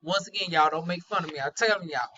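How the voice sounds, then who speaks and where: A beauty vlogger and aesthetician from North Carolina in the US South chats through a product review in a bright, forward voice that's fairly low-pitched and fast. She struggles with her R sounds and talks in a candid, folksy way full of slang and playful euphemisms. The recording is slightly dull and lo-fi.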